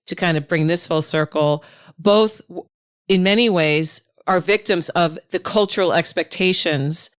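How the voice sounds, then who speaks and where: A woman's voice: fairly low pitch, smooth. A woman hosting a podcast interview, chatty and reflective as she talks and often affirms her guest. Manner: chatty and reflective, with frequent affirming murmurs and laughs. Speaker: podcast host.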